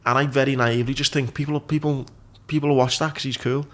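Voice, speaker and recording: A man's voice: mid-range voice, flat delivery, fast talker. A man in his thirties with a Liverpool accent, chatting casually and swearing freely as a podcast host. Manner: sweary, informal. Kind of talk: casual chat. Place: small office studio, indoors. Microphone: desk microphone.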